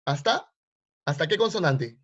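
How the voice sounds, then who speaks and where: A man's voice: on the high side, expressive, unhurried, fairly bright tone. A male teacher, teaching grammar online and quizzing his students with repeated questions. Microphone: video call. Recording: lo-fi online class audio.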